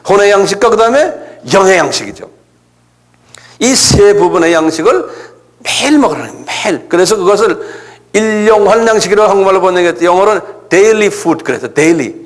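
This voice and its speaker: An older man with a Gyeongsang accent delivers a sermon. His voice sits high and swings widely in pitch as he acts out prayers and puts questions to his listeners. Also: fairly quick. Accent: Gyeongsang Korean. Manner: animated preaching, acting out prayers and asking the congregation questions. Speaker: pastor.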